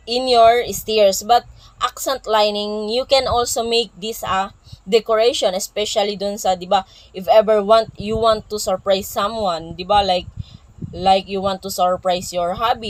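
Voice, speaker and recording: Halting Filipino woman giving a class report. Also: medium pitch, dry recording, poor audio. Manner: halting, many restarts and fillers. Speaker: student presenter. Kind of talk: classroom report, mixing English and Tagalog.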